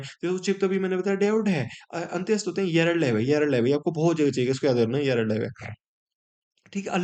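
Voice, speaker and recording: A man with a slightly mellow, higher-than-average voice teaches grammar to exam students. He explains each step in turn and checks in with his listeners along the way.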